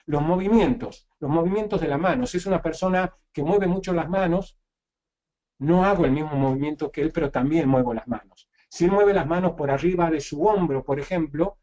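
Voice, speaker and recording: A man's voice: fairly high pitch, darkish tone. A man giving a spoken lesson on sales technique. He explains step by step, restarts his phrases often and keeps checking in with the listener. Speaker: sales trainer.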